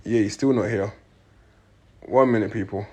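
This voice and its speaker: A podcast host originally from Congo conducts a casual interview over a video call, speaking haltingly and repeating words while he looks for the right phrasing. His voice is lowish and warm, with a breathy edge.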